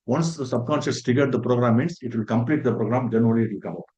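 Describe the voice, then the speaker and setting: A man lectures a room of teachers at an even, middling pitch. He talks earnestly and circles back to stress his points, walking through plain examples one by one. The recording sounds a little dull and lo-fi. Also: fast. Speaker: resource person for a faculty development program.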